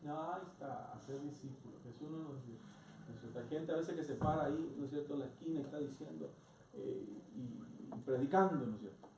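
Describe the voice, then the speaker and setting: A man's voice: mid-range voice, moderate pace, dark tone. A male pastor preaches earnestly, often asking his listeners short rhetorical questions. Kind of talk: sermon. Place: church hall. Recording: echoey church hall from far off, noisy.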